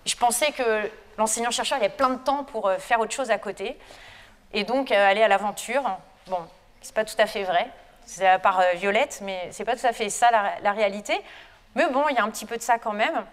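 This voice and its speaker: This French lecturer and researcher gives a chatty, informal conference talk to students in a lecture hall, hesitating often. Her voice sits a little high and moves briskly, with the sound of a big room around it.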